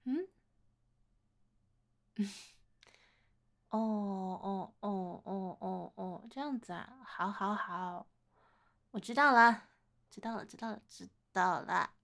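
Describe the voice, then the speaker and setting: In a one-sided romantic role-play, a woman plays a playful older-sister figure who coaxes and teases a younger man as he confesses to her, laughing gently. Her medium-pitched voice is creaky and slow, with frequent pauses.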